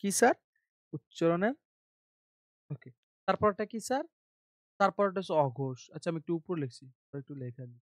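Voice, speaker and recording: A man's voice: a little high, animated, normal speed, pauses often, no echo, studio quality. A man tutoring an online grammar class. He quizzes listeners, answers his own questions, and drills terms and letters one by one. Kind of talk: online admission-prep class.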